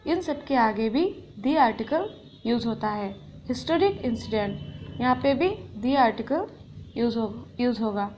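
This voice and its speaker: A woman teaching an English grammar lesson, explaining patiently and reading English example sentences slowly. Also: fairly high pitch, lo-fi sound, slight background noise.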